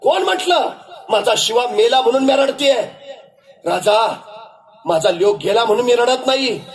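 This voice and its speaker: A grieving old village mother pleads and mourns in rough rustic speech, as a man puts her on in a stage story. The voice sits very high and earnest. It stays proud and plain-spoken. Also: slight background noise.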